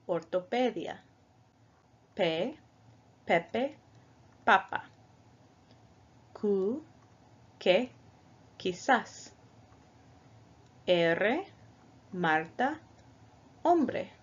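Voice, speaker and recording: Slow, patient woman teaching a lesson. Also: medium pitch, breathy edge. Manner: patient, methodical, spells out each example. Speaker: Spanish teacher. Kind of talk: slow, careful language lesson. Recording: dull lo-fi recording.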